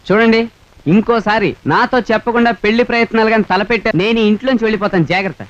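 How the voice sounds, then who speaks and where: A man's voice: high voice, steady tone, quick pace, lightly acted. An actor playing a defiant, hot-tempered young film-maker who argues back at his family. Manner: defiant, argumentative. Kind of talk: 1970s film acting. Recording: dull old film soundtrack.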